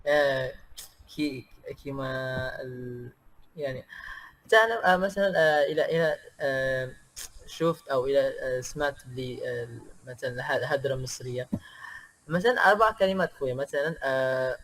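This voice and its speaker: A man from Indonesia, a native Indonesian speaker, chatting as an interview guest in a hesitant way with many pauses and filler sounds. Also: medium pitch, fairly bright tone. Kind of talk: casual interview chat.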